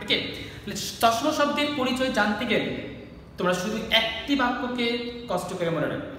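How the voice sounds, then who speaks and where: A male teacher with a Bangladeshi Bengali accent walks students through a grammar lesson, asking questions and then answering them himself. His voice sits very high. The sound is distant and echoey, with a faint hiss behind it. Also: lively intonation, fairly quick, pushed and bright. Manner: explains step by step, asks and answers his own questions.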